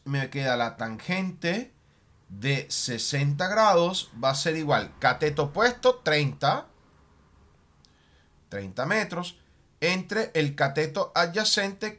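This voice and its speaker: Guy teaching trig, kinda high voice, very animated, keeps asking ok?. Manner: animated, checks in often with a rising "ok?"; slows down and stretches key terms while writing. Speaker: math teacher. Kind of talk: whiteboard math lesson.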